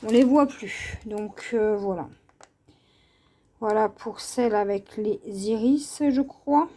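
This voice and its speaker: A woman hosting her own craft channel, showing her cross-stitch canvases in a casual, unhurried vlog, hesitant and full of fillers. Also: medium pitch, dark tone. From France. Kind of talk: casual show-and-tell vlog.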